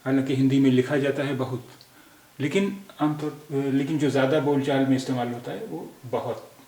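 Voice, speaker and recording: A man from India teaching a language lesson, patiently going over spelling corrections and repeating each word with many pauses. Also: medium pitch, steady tone, mellow, reverberant.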